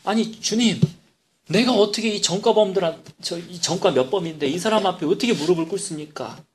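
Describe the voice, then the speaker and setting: A man's voice: high-pitched, a little fast, a little hiss or hum, voice pushed up, natural voice. A man acting out a proud prison guard who protests and pleads that he cannot kneel. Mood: protesting.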